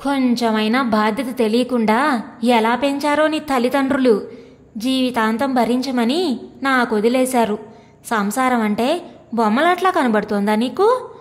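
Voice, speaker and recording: A woman's voice: fairly high pitch, measured pace, long reverb tail, natural voice. A woman reading the part of a mocking husband who scolds his wife with sneering contempt. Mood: scornful. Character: scornful, mocking husband, a grown government clerk.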